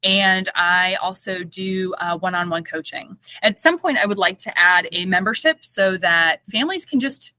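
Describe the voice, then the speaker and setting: A woman speech therapist chats on a podcast with a bright, forceful voice, animated and playful as she acts out small scenes with quick laughs. The sound is dry and close, with no room echo. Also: mid-range voice. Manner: animated storytelling with playful acted-out quotes and laughter. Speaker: guest speech-language pathologist. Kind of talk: casual podcast interview.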